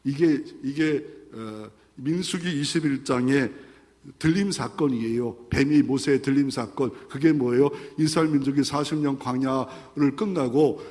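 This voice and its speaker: A male pastor preaching a sermon with animated, dramatic storytelling. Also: medium pitch, normal speed, big-room sound.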